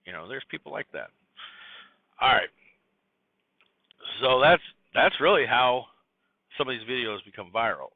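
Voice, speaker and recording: A man's voice: mid-range voice, very animated, unhurried, long pauses, no echo. A man hosting a casual solo podcast, rambling and scattered with many fillers and restarts. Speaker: podcast host. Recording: tinny phone-like dry recording.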